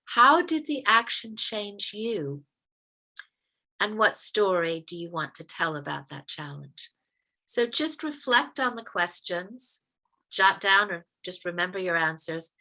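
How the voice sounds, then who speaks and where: Workshop leader, woman, light American accent, clear bright tone, deliberate pacing with slowed emphasis, heard over a video call. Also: fairly low pitch. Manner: measured, stresses words slowly. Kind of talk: interactive workshop teaching.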